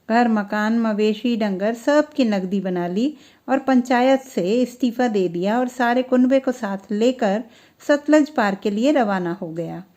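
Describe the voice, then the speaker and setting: Soft drops close each sentence as a woman reads a classic story in Hindi. Her voice sits a little high, and her storytelling manner stays steady and measured.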